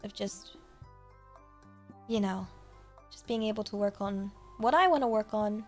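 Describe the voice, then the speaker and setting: A woman's voice: mid-range voice, measured pace, a little mellow. A British woman hosting a casual livestream, chatting in a cute anime-streamer manner with playful thank-yous to viewers. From Britain. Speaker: VTuber livestream host. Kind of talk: casual livestream chat, reading out and thanking supporters. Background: music.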